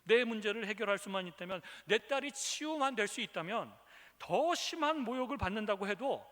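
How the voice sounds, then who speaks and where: A man's voice: sits high, expressive, fairly quick, fairly bright tone. A male pastor preaching a sermon, retelling scripture and acting out the quoted speakers. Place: church sanctuary. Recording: reverberant church hall.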